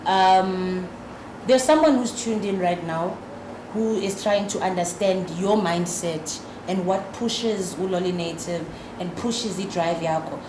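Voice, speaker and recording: South african woman hosting a podcast, lively, mixes in zulu, echoey room with noise behind her. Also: lowish voice, unhurried. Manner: lively, drops Zulu words into English questions. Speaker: podcast host. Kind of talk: podcast interview.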